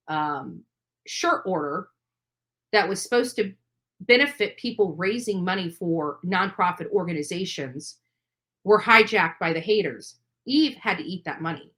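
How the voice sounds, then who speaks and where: Her voice sits fairly low with a bit of brightness. Running an informal live commentary stream on a true crime case, she presses her points emphatically and with a sense of grievance, saying things over again for emphasis.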